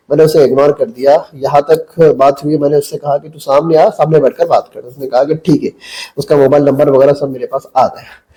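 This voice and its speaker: A male mufti, an Islamic cleric, gives a religious talk to camera, first telling a story and then preaching in a blunt, combative, lecturing way. His voice is a little high with a warm tone, and the recording quality is low.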